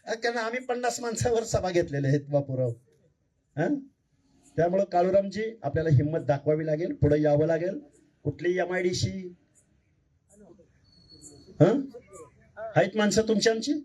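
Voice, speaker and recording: A man's voice: high voice, moderate pace, long pauses, warm tone, far from the mic, low-quality recording. A man giving an impassioned political speech at a public meeting. He pleads with the crowd and fires rhetorical questions at them. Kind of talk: fiery political rally speech.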